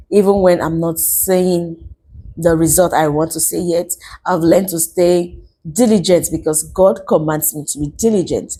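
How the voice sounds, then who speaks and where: Female vlogger, thirties, lower register and very mellow tone, devout testimony, restates phrases for emphasis. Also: slightly rough. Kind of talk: personal testimony vlog to camera.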